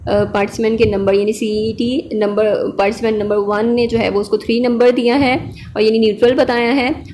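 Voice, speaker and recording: A woman, an online tutor calmly explaining a lab practical and mixing English terms into her speech. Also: a little high, a little hiss or hum. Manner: patient, checks in with "okay" and pauses on fillers.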